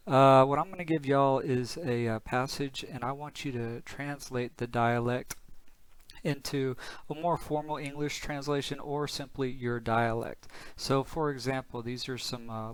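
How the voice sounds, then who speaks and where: Male teacher, lesson narration; upbeat, explanatory, mid-range pitch. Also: clear, resonant tone, poor audio.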